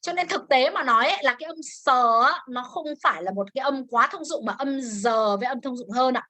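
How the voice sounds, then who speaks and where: Lady teacher, high bright voice, goes slow over english words. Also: animated. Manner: mixes Vietnamese and English, drills words slowly. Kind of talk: online grammar class.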